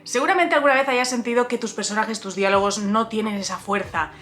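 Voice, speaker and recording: A woman's voice: a little high, a little fast, fairly bright tone, slight background noise. A woman hosting a casual video lesson on writing, talking straight to the viewer with frequent fillers and restarts. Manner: chatty, addresses viewer directly, frequent "eh" and restarts. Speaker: writer and writing coach, channel host.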